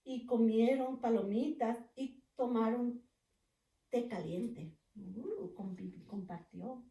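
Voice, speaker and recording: Slow-reading preschool teacher, echoey. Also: female voice, on the high side. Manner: slow, gentle, asks the children questions. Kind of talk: children's storybook read-aloud. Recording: echoey room, mic far off.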